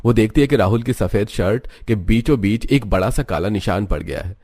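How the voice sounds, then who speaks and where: Low-voiced man narrating a story. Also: a little fast, no echo, clean studio sound. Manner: steady storytelling.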